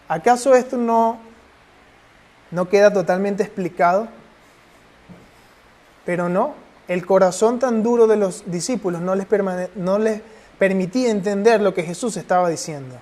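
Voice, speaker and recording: A man's voice: high voice, a little mellow. A man preaching a sermon and then leading a prayer, pressing his listeners with urgent rhetorical questions.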